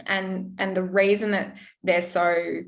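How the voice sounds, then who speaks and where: A woman hosting a webinar interview over a video call, gentle and encouraging in her questions. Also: fairly low pitch, little pitch movement, slow pace, gravelly. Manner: gentle, encouraging, many soft backchannels. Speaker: webinar host.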